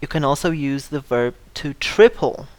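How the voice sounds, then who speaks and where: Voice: mid-range voice, animated, moderate pace, no room sound. An English teacher giving a vocabulary lesson, speaking carefully, repeating word lists and modelling pronunciation. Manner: stresses syllables to model pronunciation.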